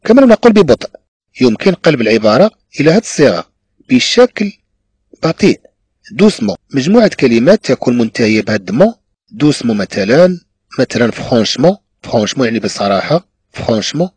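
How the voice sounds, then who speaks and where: Moroccan-accented male teacher, dry close sound, animated delivery, patient repetition. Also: medium pitch, husky, no room sound. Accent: Moroccan Arabic. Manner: repeats each phrase slowly, switching between Arabic and French. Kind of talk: classroom lesson on French dictionary use.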